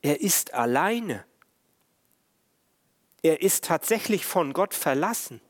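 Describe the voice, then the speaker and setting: A man preaching a sermon on the Passion in a slow, measured, solemn way. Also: a little high, very animated. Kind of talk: sermon on the stations of the cross.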